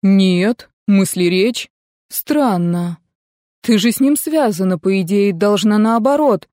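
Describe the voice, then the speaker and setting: A woman's voice: mid-range voice, lively intonation, takes it slowly, dark tone, no echo, clean studio sound. A woman reading the part of a sarcastic, teasing young male mercenary in an audiobook. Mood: mocking. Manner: mocking, joking drawl.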